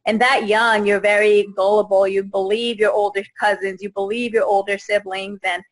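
A woman in her thirties from Guatemala, a guest telling her own story on a video call, earnest and halting with many fillers and restarts. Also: medium pitch, flat delivery, rough recording. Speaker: interview guest. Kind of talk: personal testimony in a video call. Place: indoors, small room. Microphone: video call webcam.

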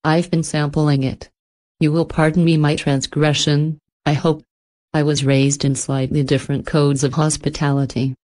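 In a horror storybook reading, a woman lightly acts the part of a poised, refined ancient being, her voice low, soft, and steady. Each unhurried word sounds polite on top yet threatening underneath, with an amused menace.

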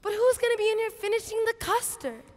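A woman's voice: extremely high pitch, lively intonation, quick pace. A young woman performing a dramatic stage monologue as a bossy, harried biblical kitchen hostess, with exaggerated theatrical intonation. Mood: pensive, torn. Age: teens to young adult. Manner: exaggerated, theatrical intonation, swinging from hushed asides to shouts. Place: stage in a large auditorium with audience. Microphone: headset. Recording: reverberant large hall, headset mic.

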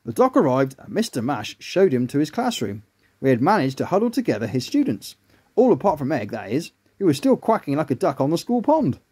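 A man reading a children's story aloud in a lively, animated way. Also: fairly high pitch, brisk, slightly rough.

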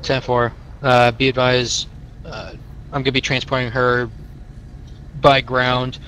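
A man role-playing an emergency scene commander, speaking in halting, procedural radio talk. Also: medium pitch, flat delivery, bright, forceful tone, a little hiss or hum, poor audio.

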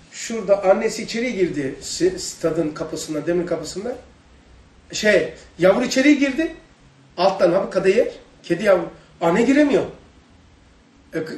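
A man's voice: sits high, a little mellow. A man giving a religious study lesson, asking his listeners questions as he goes. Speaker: religious teacher. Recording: echoey room, distant mic.

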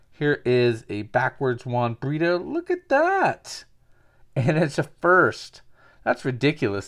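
A man hosting a casual card-opening show, joking and rambling as he names each card. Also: mid-range voice. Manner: jokey, rambling, trades banter with viewers.

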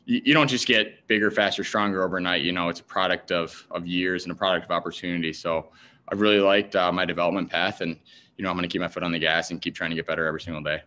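Young male athlete, deep voice, fast plain talk at a press mic. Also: steady tone, pushed and bright. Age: young adult. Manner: plain, filler-heavy answers. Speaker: hockey player. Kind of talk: post-game press conference answers. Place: team media room in front of a backdrop. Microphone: desk mic in front.

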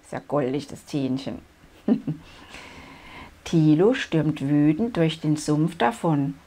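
A woman's voice: sits low, expressive, slow. A woman reading a picture book aloud to children and chatting with them in friendly asides between the pages. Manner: warm, chatty asides to young listeners.

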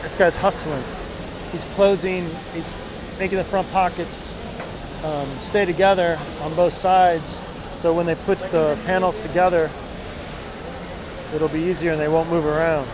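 Walking a large factory floor, a middle-aged denim designer casually explains his work and points things out. His fairly high voice stays fairly even in intonation and moves at a measured pace. A wearable camera mic picks him up amid loud machinery and air conditioning.

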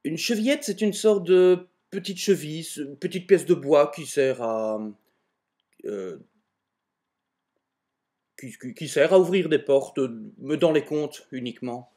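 In a warm voice on the high side, an amateur video maker unhurriedly tells a comic version of a fairy tale at home. He's recorded on a webcam in front of a door and makes mock-exasperated asides.

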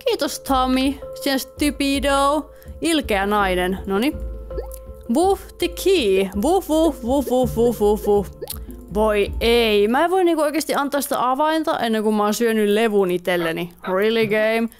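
A young Finnish woman giving casual let's-play commentary, reading game text aloud and chatting to her viewers. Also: fairly high pitch. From Finland. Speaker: gaming YouTuber. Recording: faint music behind voice.

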